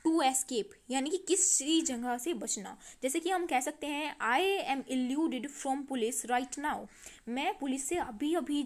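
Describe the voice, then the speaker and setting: Lady teacher, high voice, goes over each word again and again, keeps asking "ok?". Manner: explains slowly, repeats words, checks with "ठीक है?". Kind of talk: vocabulary lesson.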